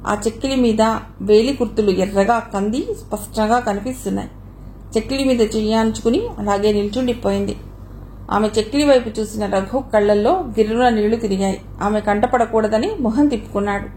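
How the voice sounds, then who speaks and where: A woman narrating a novel in a steady, expressive reading style. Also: mid-range voice, brisk, a little hiss or hum, low-quality recording. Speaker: audiobook narrator.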